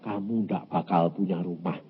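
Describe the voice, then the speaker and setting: An elderly man, voicing the Lord in a gentle, low, quiet tone. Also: fairly even intonation, normal speed, noisy background, natural voice. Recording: muffled lo-fi sermon recording.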